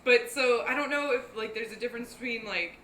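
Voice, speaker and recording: A young woman in easy podcast conversation, blunt and loose with swear words, her speech full of "like". Her voice is fairly high and bright. The room echoes around her, with a faint hum of ambience. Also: fairly quick. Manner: blunt, swears freely, peppered with "like". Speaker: podcast guest. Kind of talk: casual chat.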